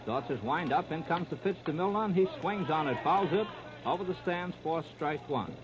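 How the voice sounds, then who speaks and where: In a fairly high voice with lively intonation and a normal pace, a man calls baseball play-by-play for 1930s radio. He narrates in clipped, present-tense phrases, and the recording is scratchy, noisy and muffled.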